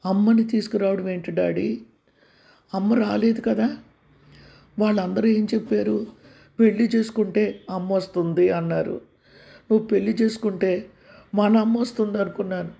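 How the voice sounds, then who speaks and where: A man voicing a frightened seven-year-old boy with a fever, high and pleading in a storybook reading. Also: steady tone, moderate pace, vocal fry, pauses often, mellow.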